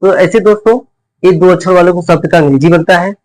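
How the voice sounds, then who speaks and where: A man's voice: high voice, fast talker, darkish tone, no echo, rough recording. A man teaching a spelling lesson in a repetitive way, asking and then answering his own questions.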